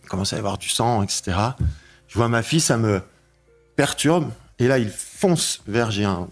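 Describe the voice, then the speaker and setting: A man giving an emotional testimony, telling his story in a halting way, repeating himself and raising his voice when he relives the moments. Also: fairly low pitch, faint music behind. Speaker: interviewee recounting a break-in.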